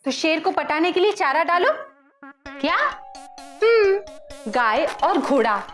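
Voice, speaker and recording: An excitable young wife in a TV family comedy who nags and presses insistently. Her voice is very high and swings widely up and down. Sitcom music plays clearly behind her. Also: takes it slowly, heavily acted. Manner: insistent, nagging repetition. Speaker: sitcom character.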